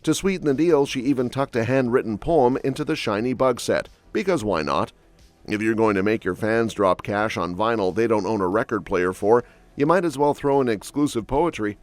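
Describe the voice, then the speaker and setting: A man's voice: mid-range voice, normal speed, no echo. A man reading scripted entertainment gossip narration with a snarky, quip-heavy delivery. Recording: dry voice-over with soft music bed.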